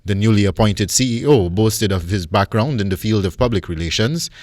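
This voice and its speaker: Low-voiced Guyanese male news reporter, dry sound. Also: no room sound. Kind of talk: scripted news narration.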